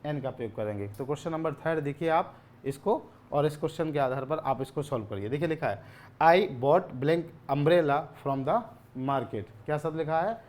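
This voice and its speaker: A man's voice: a little high, animated, quick pace, a little mellow. Man teaching grammar, repeating key points. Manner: repeats key words, asks and answers own questions; clears throat often. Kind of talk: grammar lesson.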